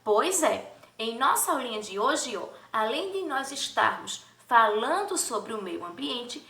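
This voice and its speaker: Woman teacher talking to little kids, slow and sing-songy, high voice, kinda far from the mic in a roomy echo. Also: a bit bright. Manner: slow, drawn-out syllables for children; sing-song questions to pupils. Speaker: primary school teacher. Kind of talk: remote children's lesson. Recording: echoey room, distant from mic.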